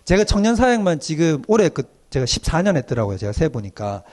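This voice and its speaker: A man's voice: on the high side, quick pace. A middle-aged male pastor, preaching a doctrine lecture and acting out the voices of young people he has counselled. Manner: animated, acts out quoted young people in dialect.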